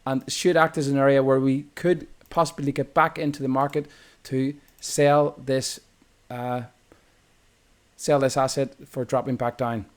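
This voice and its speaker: A man's voice: mid-range voice, level tone, unhurried, smooth. Irish man explaining charts, self-correcting. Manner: loose and explanatory, often correcting himself mid-sentence. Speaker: trading instructor. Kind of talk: screen-recorded chart tutorial.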